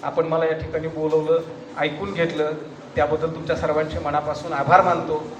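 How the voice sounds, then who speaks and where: High-voiced man. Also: brisk, dull audio. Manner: animated, humorous storytelling that turns solemn and hushed for the poem. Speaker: guest speaker and poet. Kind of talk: stage speech with storytelling and poetry recitation. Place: college hall or auditorium stage. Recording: echoey hall, faint background noise.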